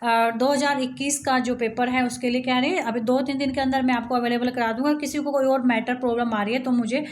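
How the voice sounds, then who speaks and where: A woman with a high voice teaches poetic meter to her students. She keeps checking whether they have understood. When she reads the example lines, she slows right down and presses on each stressed beat. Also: fairly even intonation. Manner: asks frequent check-in questions. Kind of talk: explaining English poetry to students.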